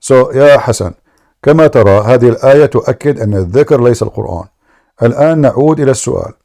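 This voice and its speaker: A man's voice: medium pitch, expressive, fast, creaky, dark tone. A man hosting a live debate broadcast, switching between classical Arabic and English and pressing his caller with repeated questions. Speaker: host.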